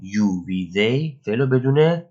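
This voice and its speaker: Husky low-voiced man teaching grammar. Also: lively intonation, dark tone, highs cut off. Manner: explains step by step, asks the learner questions and praises answers; reads English example sentences slowly and clearly. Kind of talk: recorded grammar lesson.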